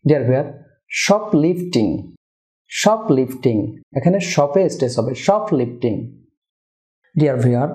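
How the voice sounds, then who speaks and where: A man giving a scripted pronunciation lesson, often addressing the viewer directly and slowly repeating each word for practice. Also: on the high side, dark tone. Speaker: English pronunciation teacher.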